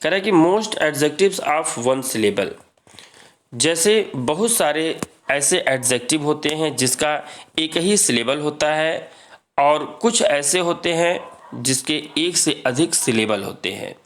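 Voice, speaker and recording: A man teaching English grammar in a lesson, reading rules slowly and explaining them with many repetitions. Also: fairly high pitch, lively intonation, a little hiss or hum. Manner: reads English rules slowly, then explains, repeating "ठीक है".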